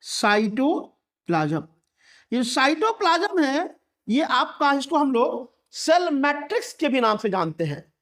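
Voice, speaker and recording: A man's voice: very high-pitched, very animated, measured pace, fairly bright tone. A man teaching a biology class. He repeats each key term and asks the students to say it back to him. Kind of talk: classroom lecture at a board.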